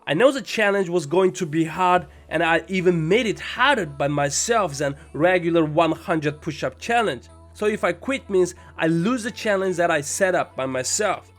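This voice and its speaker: A man's voice: high voice, animated, normal speed, hardly any pauses, a bit bright. A young man with a non-native English accent, speaking earnestly and encouragingly to viewers as a fitness vlogger. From Uyghur region. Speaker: vlogger recapping a fitness challenge. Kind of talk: vlog monologue to viewers. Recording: music behind the voice.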